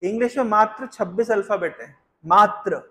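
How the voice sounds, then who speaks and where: A man giving a spiritual discourse, chanting verses slowly and then explaining them to a gathered audience with frequent questions. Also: high-pitched, sharp tone. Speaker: spiritual teacher.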